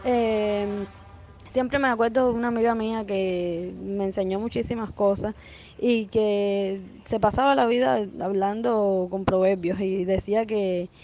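A woman leaving a voice message that gives her opinion calmly and thoughtfully. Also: medium pitch, measured pace. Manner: thoughtful, steady, uses fillers. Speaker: listener sending a voice message. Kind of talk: casual opinion.

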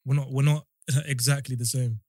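A man's voice: mid-range voice, steady tone, normal speed, mellow, dry recording, clean studio sound. A man in his mid-twenties with a London roadman accent, chatting casually in an emphatic, slangy way and repeating himself. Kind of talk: casual chat.

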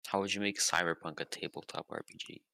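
A man's voice: low-pitched, fairly even intonation, fast talker, gravelly, bright, forceful tone, dry recording. A man co-hosting a casual chat, blunt and reluctant, giving short replies. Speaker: podcast co-host.

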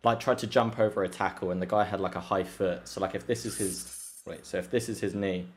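A young man co-hosting a casual podcast. His voice sits a little low, and he talks in long, rambling, sweary stretches that rise when he gets into a story. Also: fairly quick, slight background noise. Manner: sweary, rambling, animated retelling. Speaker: podcast co-host. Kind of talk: casual chat.

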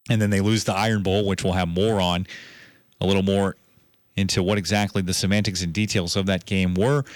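A man hosting a sports show, running through college football bowl predictions in a brisk, confident way. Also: on the low side, no echo. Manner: brisk, confident picks with a self-correcting aside.

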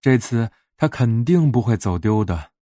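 A man narrating a bedtime story in a gentle, expressive storyteller's manner. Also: mid-range voice, unhurried, dry recording, studio quality.

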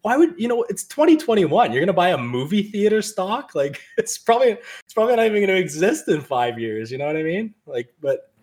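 A man's voice: big pitch swings, a little mellow. A man co-hosting a casual trading podcast, rambling and acting out quoted people in a raised voice. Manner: fast, rambling, acts out quoted people in a higher voice. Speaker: podcast co-host.

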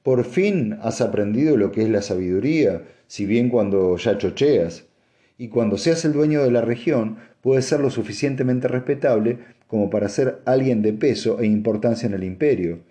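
A man's voice: normal speed, mellow, natural voice. A man reading an audiobook and voicing a haughty, scheming noblewoman with a cold, cutting manner. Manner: cutting, mocking, rising to shrill insistence.

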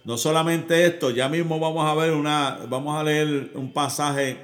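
A man's voice: fairly high pitch, steady tone, normal speed, a bit bright. Give me a man preaching a sermon, stopping to ask the congregation "right?". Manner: repeats words and asks "right?" to the congregation. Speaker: pastor.

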